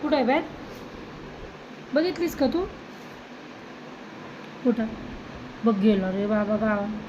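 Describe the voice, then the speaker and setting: Gentle coaxing woman talking to a child. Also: on the high side, lively intonation, slow pace, dull audio, background noise. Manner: coaxing, asks many gentle questions. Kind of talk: talking softly to a small child.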